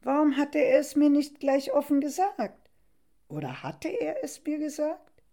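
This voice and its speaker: Expressive woman reading a storybook aloud. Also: high-pitched, unhurried. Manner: expressive, wondering, reflective. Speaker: narrator. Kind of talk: first-person storybook narration.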